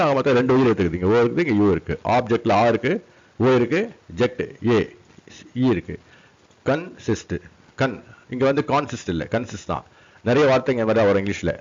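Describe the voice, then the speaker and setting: A man teaching an English pronunciation lesson in Tamil, patiently repeating example words slowly and often checking that the class understands. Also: fairly low pitch, darkish tone. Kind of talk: classroom lecture on syllables and stress. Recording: dull lo-fi sound.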